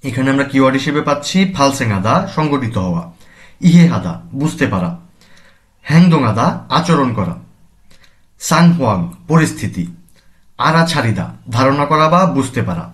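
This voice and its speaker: A man from Bangladesh with a Bangladeshi Bengali accent, teaching grammar and pronunciation slowly and deliberately, repeating each term. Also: mid-range voice, sing-song. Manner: slow, deliberate, repeats terms and spells out sounds. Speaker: language teacher.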